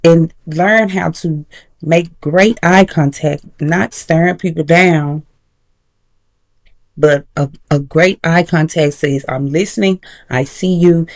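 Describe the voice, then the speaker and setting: A woman teaching confidence habits in a casual, encouraging way, slowing down to stress key points. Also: low-pitched, a little mellow. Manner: casual, encouraging, slows down for emphasis. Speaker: confidence coach. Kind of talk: motivational tutorial.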